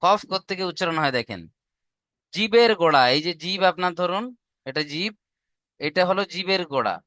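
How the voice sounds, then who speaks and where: A man's voice: sits high, lively intonation, fairly quick, pushed and bright, no echo, clean studio sound. A man teaching an online class, patient and repetitive, often asking his students whether they have understood. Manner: patient, repeats points and asks checking questions. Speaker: Quran recitation teacher.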